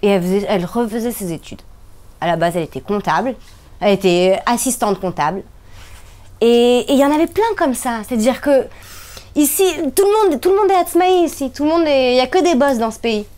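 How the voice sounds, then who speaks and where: A woman from France talking in a casual interview, animated and emphatic, her voice swinging high and low as she makes her points. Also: brisk.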